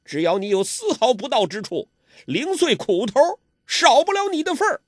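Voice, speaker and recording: A man's voice: very high voice, sing-song, normal speed, dry recording, studio quality, pitched above the performer's own voice, heavily acted. A man voicing a menacing, domineering older male villain who barks threats and orders. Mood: bullying, threatening.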